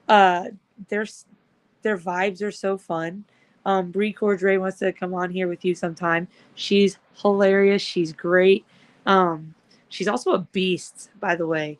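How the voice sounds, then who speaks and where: A woman talking casually as a guest, upbeat and rambling with lots of fillers. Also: mid-range voice. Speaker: guest, supporters' group organizer. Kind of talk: casual chat.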